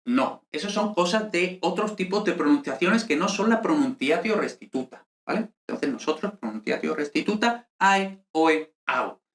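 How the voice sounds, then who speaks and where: Lively man teaching Latin. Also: on the high side, normal speed, hardly any pauses, reverberant. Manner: lively and conversational, with many fillers and tag questions. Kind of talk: online lesson explaining over slides.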